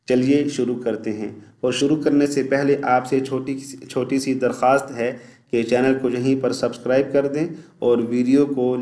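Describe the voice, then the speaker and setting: A man teaching Quran recitation, stretching the recited words slowly between quick spoken explanations. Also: medium pitch, warm tone, reverberant. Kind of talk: online recitation lesson.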